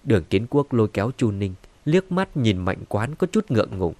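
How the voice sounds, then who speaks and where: A man narrating a story as an audiobook reader in an even, plain manner. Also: on the low side, moderate pace, no echo.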